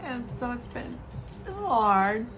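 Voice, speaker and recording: A woman in her sixties, slightly tipsy and crying, blubbering through a halting, confessional personal vlog. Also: fairly high pitch, big pitch swings, fairly bright tone, soft background music. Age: 60s. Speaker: vlogger. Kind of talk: casual, emotional birthday vlog.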